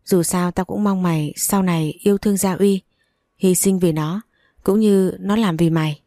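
A gruff, weary old matriarch, as a woman narrator puts her on, giving blunt orders. The voice sits low and mellow, and it is recorded dry and close for a storybook reading. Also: steady tone, normal speed, dry recording, close to an everyday voice. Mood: stern. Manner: blunt, commanding, sighing. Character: stern older wealthy matriarch, gruff and weary.

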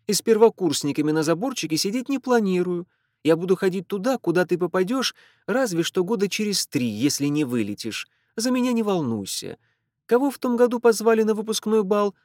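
A man reading aloud voices a stubborn, bratty teenage girl who talks fast and defiantly. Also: high-pitched, darkish tone, dry recording, studio quality, pitched above the performer's own voice. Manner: insistent, quick, defiant.

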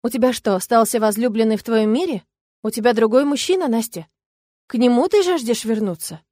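A woman voicing a male dragon in human form, soft and coaxing with the heroine. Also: very high voice, brisk, dry recording, clean studio sound. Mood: sullen.

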